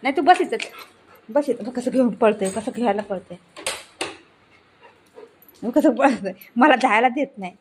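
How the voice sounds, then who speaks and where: A woman's voice: on the high side, expressive, normal speed, long pauses. A woman at home talking to her pet dog, coaxing and scolding it with short, repeated commands, recorded on a phone. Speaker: pet owner. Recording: noisy home video with dog barking.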